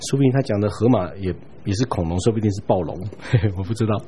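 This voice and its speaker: A man giving a Bible study lecture in a relaxed, chatty way, chuckling now and then and checking in with his listeners. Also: fairly low pitch, quick pace, slight background noise. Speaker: Bible teacher.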